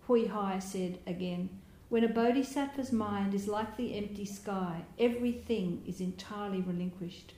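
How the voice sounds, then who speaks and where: A woman giving a Buddhist dharma talk as a meditation teacher, speaking gently and reflectively, with soft laughs and small hesitations. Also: mid-range voice, normal speed, hardly any pauses. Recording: roomy hall with faint background noise.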